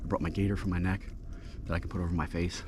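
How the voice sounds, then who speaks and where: A man casually narrating his camping vlog outdoors at night in an informal, halting, unhurried way. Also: sits low, fairly even intonation. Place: outdoors at night in cold, snowy woods. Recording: noisy outdoor recording with rustling.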